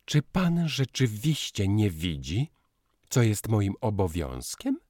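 A man's voice: fairly low pitch, big pitch swings, takes it slowly, darkish tone, dry recording, clean studio sound, voice pushed up, full character voice. A man voicing a young newlywed woman who speaks in a cool, firm, clipped way. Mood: cold. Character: young bride, cool and stiffly dutiful.

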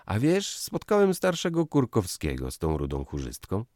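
A man's voice: fairly low pitch, wildly swooping pitch, moderate pace, a little mellow, dry recording, studio quality, pitched above the performer's own voice. A man voicing a smug young graduate in a lightly raised, teasing voice.

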